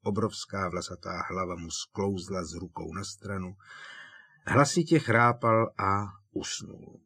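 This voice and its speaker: Audiobook narrator, male, lowish voice, dry close recording. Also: a bit bright, husky, no room sound. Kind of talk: scripted narration.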